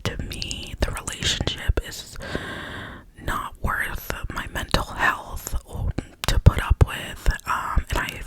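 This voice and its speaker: Slow, clicky whispered pep talk from a young adult. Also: bright, forceful tone, rough recording. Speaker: ASMR creator. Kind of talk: whispered pep talk, ASMR positive affirmations.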